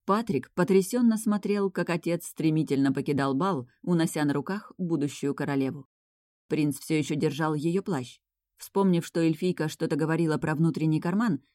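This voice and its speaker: Woman reading a fantasy audiobook, low voice, dry close mic. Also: dark tone, no echo. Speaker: audiobook narrator. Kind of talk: scripted narration.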